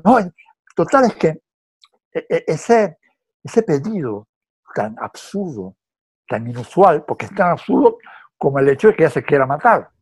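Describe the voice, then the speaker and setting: A man's voice: on the high side, sing-song, normal speed, pauses often, husky. A man with a Venezuelan accent in casual film chat, hesitant and repeating words as he tells stories.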